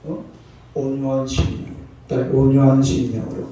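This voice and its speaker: Faint noise and heavy echo fill the church sanctuary, where a distant mic, its highs cut off, catches a man in his sixties preaching at dawn. His medium-pitched voice is warm but flat, at a moderate pace, as he scolds folksily and calls for the congregation to answer.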